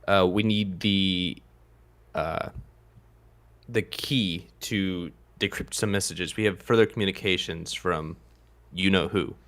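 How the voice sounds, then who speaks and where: A man's voice: deep voice, takes it slowly, a bit bright, exaggerated voice. A man voicing an adventurer who poses as a guard, apologetic and hesitant. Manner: apologetic, deferential, hesitant fillers. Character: male adventurer posing as a deferential guard.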